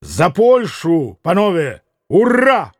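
Man reading as a young guy shouting toasts, excitable, no room echo. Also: high voice, slow pace, studio quality. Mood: excited. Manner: exclaiming, eager, flustered.

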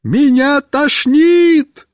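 A man voicing a frightened young boy who yells in alarm while he is stuck riding in circles in a storybook reading. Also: extremely high pitch, very slow, dry recording, clean studio sound, voice pushed up, exaggerated voice. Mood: panicked, yelling. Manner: yelling in alarm. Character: panicked young boy stuck on a runaway bike.

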